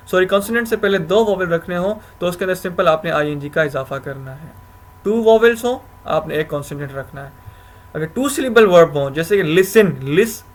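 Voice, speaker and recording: A man giving a recorded grammar lecture, explaining step by step, often asking himself questions and correcting himself. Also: sits high. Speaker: English grammar teacher.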